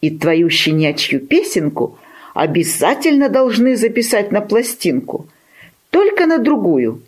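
A woman's voice: mid-range voice, very animated, a little slow, a little mellow, breathy edge, pitched above the performer's own voice. A woman voicing a proud, boastful male rooster in a storybook tale, pompous and condescending. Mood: patronizing.

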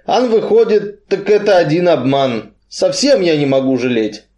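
A big, gloomy strongman with a muffled, blunt way of speaking, voiced by a man reading aloud. He talks slowly and heavily, and his voice sits a touch high. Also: lively intonation, dark tone, close to an everyday voice. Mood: grim. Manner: muffled, blunt, slow and heavy.

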